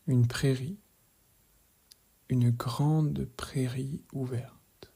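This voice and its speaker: A man leading a guided relaxation meditation in a calm, measured voice, soft and hushed, often slipping into a whisper. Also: medium pitch, creaky, breathy edge. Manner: calm, measured, gently instructive.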